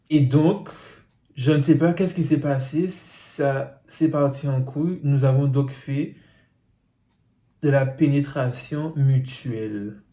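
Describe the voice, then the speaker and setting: A man's voice: medium pitch, warm tone. A man reading out viewer secrets on his phone and reacting to them with teasing asides. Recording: roomy echo.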